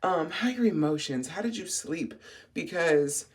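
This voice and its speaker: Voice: medium pitch, animated, normal speed, husky. A person in their thirties, a spiritual life coach, talking through a casual morning vlog in a groggy just-woke-up voice, rambling and reflective with many fillers and restarts. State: groggy morning voice after little sleep.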